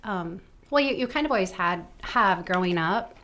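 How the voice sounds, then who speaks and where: A woman's voice: medium pitch, animated, a bit bright, a little hiss or hum. Middle-aged woman from the American Midwest, podcast host, bubbly and gushing, mid-range voice. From Midwestern United States. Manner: bubbly, gushing, quick laughs. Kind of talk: casual family chat.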